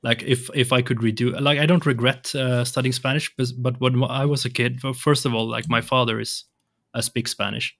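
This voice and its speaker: This young man's medium-pitched voice is creaky and a bit bright, with a level tone and normal speed. Originally from Sweden and a native Swedish speaker, he guests on a podcast in English, chatting casually but hesitantly with many restarts. Shelves and colored lights fill his home room, where he speaks into a large studio mic on an arm through headphones.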